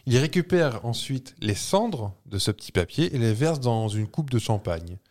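A man's voice: mid-range voice, big pitch swings, moderate pace, darkish tone. Playful French man hosting a quiz chat. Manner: playful, teasing, laughs often. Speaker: podcast co-host.

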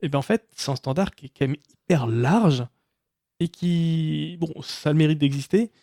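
Male co-host, mellow and dry, patient explainer. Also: on the high side, normal speed, creaky, dry recording. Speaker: podcast co-host. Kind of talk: casual explanatory chat.

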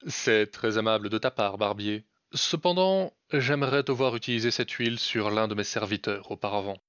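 A man's voice: fairly low pitch, normal speed, a bit bright, clear, resonant tone, no echo, close to an everyday voice. A man voicing a suspicious, weary male caliph who speaks with cool, imperious politeness. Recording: dull, dry lo-fi recording.

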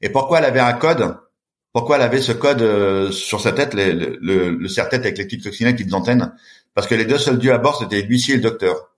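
A man's voice: fairly low pitch, quick pace. A middle-aged man telling a story with animation as a podcast guest, acting out the voices of the people in it. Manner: lively, acts out voices in his story. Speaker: guest, long-distance swimmer.

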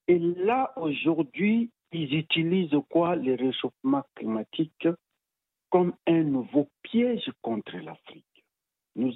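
Impassioned man's gravelly voicemail. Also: on the high side, no room sound. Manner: rhetorical and impassioned, poses questions. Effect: voicemail message played on air. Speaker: radio listener caller. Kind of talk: spoken opinion message. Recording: dry tinny phone-line voicemail.

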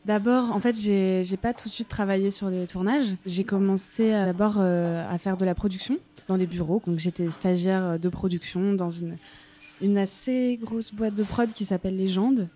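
A young Frenchwoman who works as a film script supervisor is the guest in a conversational interview held in a café-restaurant. She speaks thoughtfully and hesitantly with many fillers. Her voice is mid-range and mellow, with a steady tone at normal speed.

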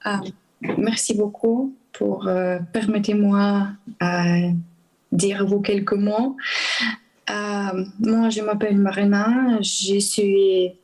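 A Ukrainian-accented woman in her thirties giving a hesitant church testimony with prayer requests, pausing often to search for words. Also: mid-range voice, level tone, a little mellow, poor audio. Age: 30s. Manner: hesitant, many fillers and restarts. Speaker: church guest speaker.

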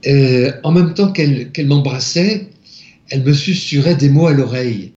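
A man from France, an interview guest, softly recounting a personal spiritual experience, halting and searching for his words. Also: mid-range voice. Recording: echoey, slightly dull room recording.

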